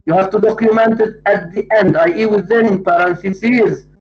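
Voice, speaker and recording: A man's voice: sits high, steady tone, moderate pace. A man with an Arabic accent, a native Arabic speaker, lecturing on academic writing in a didactic, emphatic way, repeating and spelling out key points. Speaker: university English lecturer. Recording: dull lo-fi audio.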